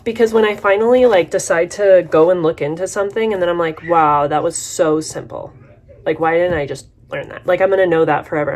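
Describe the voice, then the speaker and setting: A young woman talks through her makeup routine in a relaxed, rambling vlog. Her speech is loose and chatty, full of fillers and asides. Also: medium pitch. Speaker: vlogger. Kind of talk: casual vlog chat while doing makeup.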